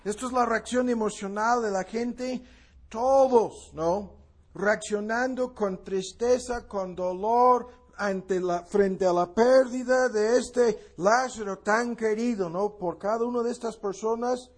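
Slow husky male preacher. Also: high-pitched. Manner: slow, emphatic, repeats key phrases. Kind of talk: sermon, Bible exposition.

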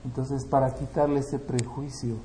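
A man preaching a sermon. He asks the congregation questions and answers them himself, and he swings between loud emphasis and quiet asides, with frequent restarts. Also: medium pitch, level tone, moderate pace, echoey room, a little hiss or hum, rough recording. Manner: frequent restarts and checking "¿verdad?".

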